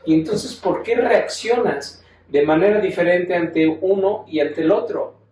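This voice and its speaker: A man's voice: high voice, measured pace, a little mellow. Man, Mexican accent, conversational class lecture, mic at a distance, roomy echo. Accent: Mexican Spanish. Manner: conversational, explaining with tag questions. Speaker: teacher. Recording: echoey room, mic at a distance.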